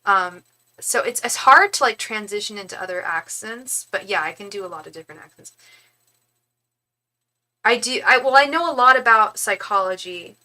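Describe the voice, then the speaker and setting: A young woman, a tarot reader and psychic, gives a casual reading on a live stream in a bright, edged, mid-range voice. She's expressive and talks at normal speed, rambling, restarting and addressing her viewers directly in a chatty, conversational way.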